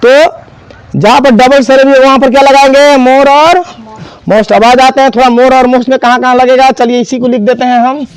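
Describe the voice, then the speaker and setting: A man's voice: very high voice, flat delivery, moderate pace, clear, resonant tone. A man teaching an English grammar class, spelling words out and quizzing students. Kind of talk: classroom lesson.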